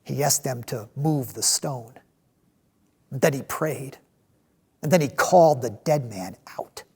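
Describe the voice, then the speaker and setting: An actor playing a passionate, restless disciple in a dramatic monologue, telling his story with halting, emphatic delivery and repeated words. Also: medium pitch, creaky, husky, full character voice. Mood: hushed, intense. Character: passionate male zealot disciple, restless man of action, recalling Jesus.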